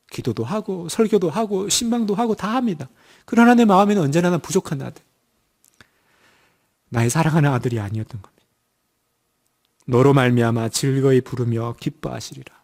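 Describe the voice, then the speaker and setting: Emphatic middle-aged Korean-speaking pastor. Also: male voice, on the high side. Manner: emphatic, rhetorical questions to the congregation; drops to a soft, hushed voice in tender moments. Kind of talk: sermon and closing prayer.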